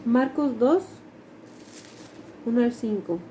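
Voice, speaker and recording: A woman's voice: on the high side, slow, warm tone, slight background noise, low-quality recording. A woman with a Mexican accent teaching a Sunday school class, reading scripture aloud and explaining it, often adding tag questions. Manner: reads verses aloud, then explains them with tag questions. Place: church classroom.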